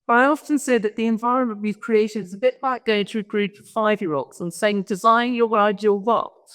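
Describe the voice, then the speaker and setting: A woman's voice: medium pitch, fairly quick. Rambling woman speaking in a reverberant hall. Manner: rambling, self-interrupting storyteller. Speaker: guest speaker. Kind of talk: informal conference talk. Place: large event hall.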